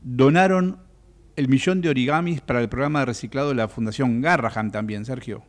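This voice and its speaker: A Rioplatense man hosts a radio interview in an average-pitched voice. He speaks in a measured way and often hesitates with an "eh" as he gathers his thoughts. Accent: Rioplatense Spanish. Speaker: radio host.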